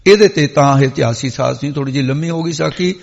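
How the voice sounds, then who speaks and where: A man delivers a sermon as a flowing story, breaking into sung scripture lines along the way. His voice sits somewhat high for a man. The sound is muffled and trails off in a long hall reverb. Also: fast talker, vocal fry, darkish tone. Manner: storytelling, sings scripture verses. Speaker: Sikh preacher.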